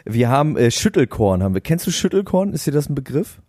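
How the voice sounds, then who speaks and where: Guy telling a long story on a podcast, rambly and amused, dry room, normal pitch. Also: quick pace, no room sound. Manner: animated, rambling storyteller who laughs at his own tale. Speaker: podcast co-host. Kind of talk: casual anecdote telling.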